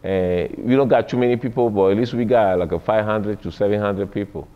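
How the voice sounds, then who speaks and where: A young adult man, a business owner, talking informally and haltingly about starting a festival, seated in a community center room. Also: on the low side, clear, resonant tone. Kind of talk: casual talk. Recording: dull echoey hall recording.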